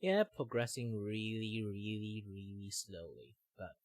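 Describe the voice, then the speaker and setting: A man's voice: fairly low pitch, a little slow, no room sound. A young man with a tired, strained voice and Mandarin as his first language, chatting loosely on a stream with lots of fillers. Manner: relaxed, rambling with many fillers. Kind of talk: casual livestream chat.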